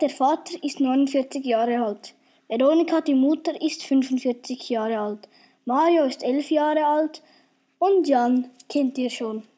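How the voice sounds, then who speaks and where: Lady narrating a home radio play, chatty, high mellow voice. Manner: lively, chatty, addresses the listeners.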